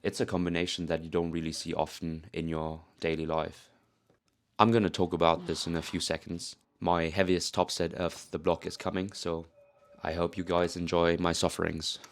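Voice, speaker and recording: This powerlifting vlogger, a young man from South Korea whose native language is Korean, puts on a British-tinged English accent as he talks through his lifting. He speaks at normal speed in a low, flat voice, staying frank and self-deprecating with offhand curses.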